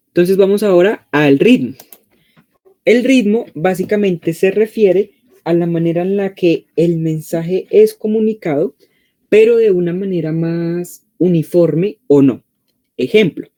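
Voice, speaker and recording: Colombian male tutor, online class, dark mellow tone, chatty, keeps checking if students follow. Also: high-pitched. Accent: Colombian Spanish. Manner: conversational, frequent check-in questions. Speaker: teacher. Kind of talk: online exam-prep class.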